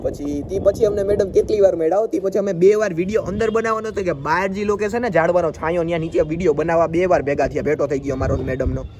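Outside near a school, a young man tells a story for his casual vlog, talking quickly in a high-pitched voice with hardly any pauses. Background noise is audible as he animatedly performs the back-and-forth exchanges himself.

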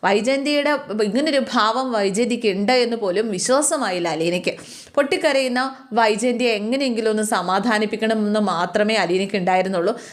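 A woman's voice: on the high side, fairly quick. A woman narrating a family drama in a chatty, casual storytelling way, often turning to the listener with little asides.

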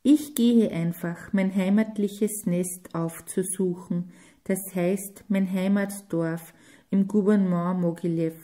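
A woman's voice: on the low side, fairly even intonation, slow, dark tone. A woman reading the lines of a grown man, an orphaned believer telling his story earnestly.

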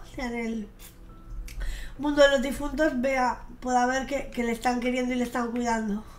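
A young woman commenting on a game she plays, chatty, swearing casually and breaking into gushing squeals. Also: sits high. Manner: gushing, squealing outbursts of delight. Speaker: streamer. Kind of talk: gameplay commentary. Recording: faint game music behind her.

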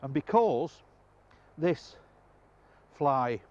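On a riverbank outdoors, an older man gives a fly fishing lesson, recorded on a clip-on mic with dull audio. His slightly high voice moves very slowly as he explains calmly, showing quiet enthusiasm for the fish in this instructional presentation.

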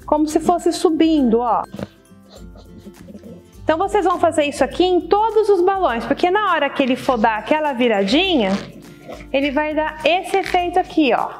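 A Brazilian woman with a high-pitched voice hosts a casual how-to. She talks chattily to the viewers and often checks that they follow. Music plays softly behind her. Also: expressive, moderate pace. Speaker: balloon decoration tutorial host. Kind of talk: casual instructional demonstration to camera. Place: indoor studio set with balloon wall and table.

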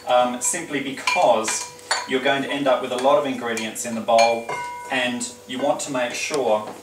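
A man's voice: medium pitch, steady tone, normal speed, background noise, lightly acted. Man playing a genteel lady cooking hostess, roomy kitchen. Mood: poised, instructive. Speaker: cooking show host. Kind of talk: cooking demonstration. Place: indoor home kitchen. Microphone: distant camera microphone. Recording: roomy kitchen, distant mic, clattering dishes.

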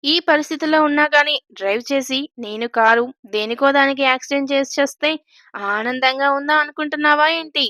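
A woman reading the part of a drunk, cruel, spoiled young husband who shouts and sneers. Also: very high-pitched, steady tone, moderate pace, no room sound. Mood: angry, mocking.

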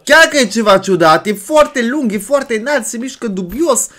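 Man, reaction commentary, excitable, joking, very lively pitch swings. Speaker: reaction video host.

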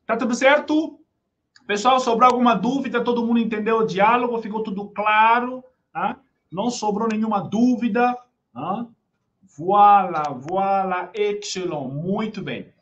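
Brazilian woman, online French teacher, unhurried delivery, muffled lo-fi sound. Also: mid-range voice. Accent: Brazilian Portuguese. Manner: patient, repeats phrases, checks in with the class often. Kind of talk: online language lesson.

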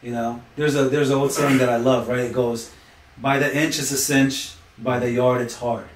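A man's voice: medium pitch, little pitch movement, normal speed, far from the mic. A man as a podcast guest, preaching motivation with sayings and analogies. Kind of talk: motivational talk. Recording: roomy sound from off-mic.

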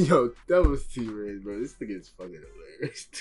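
A man's voice: mid-range voice, very animated, moderate pace, soft background music. A young man hosting a reaction video, talking in casual, profane slang full of fillers. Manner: profane, slangy, rambling with many likes and bros.

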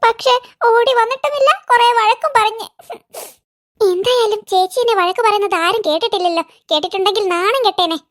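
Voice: very high-pitched, fairly quick, a bit bright. A voice artist playing a cheeky, attention-seeking little boy in a comic cartoon, with a whiny, sulky voice.

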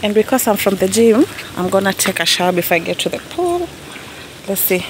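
A young woman from Kenya chatting to camera in a casual vlog, animated and laughing often, filmed on a phone camera set at a distance. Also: mid-range voice, brisk, background noise. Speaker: vlogger. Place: small indoor room, then outdoors by a pool. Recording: echoey room, voice from off-mic, music behind.

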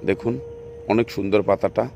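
A man's voice: fairly low pitch, little pitch movement, fairly quick, vocal fry, warm tone, a little hiss or hum. A man with a Bangladeshi Bengali accent walks through an outdoor plant nursery, showing the plants in a repetitive, salesy way as he points them out. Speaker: nursery video host. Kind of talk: casual walkthrough narration.

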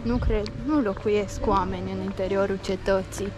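A woman casually commenting on the sights during a walking-tour vlog. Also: medium pitch. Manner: relaxed, adds short remarks about the sights. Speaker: travel vlogger. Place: outdoors in a pedestrian old town. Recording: outdoor recording with street noise.

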